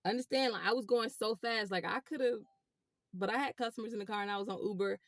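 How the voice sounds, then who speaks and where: A woman telling a rideshare story to her viewers in a casual, animated way. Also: mid-range voice, fast talker, no echo, studio quality. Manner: animated, chatty, addresses viewers as y'all. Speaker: rideshare driver vlogger.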